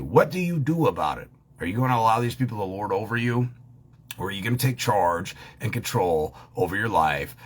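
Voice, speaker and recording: A man's voice: low voice, a bit bright, breathy edge. A man giving a heated, profane monologue, swearing freely and hammering his points home. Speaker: online commentator.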